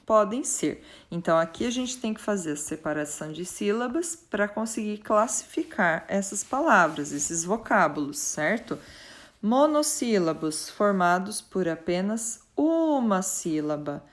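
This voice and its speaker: A woman teacher explaining a lesson patiently, often checking in with her students and slowly drawing out example words. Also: medium pitch.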